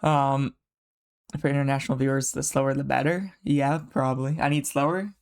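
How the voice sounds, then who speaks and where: A young man streaming from his bedroom, chatting casually and quickly, rambling with lots of fillers and swearing. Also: medium pitch, steady tone, creaky, smooth. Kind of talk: casual live-stream chat.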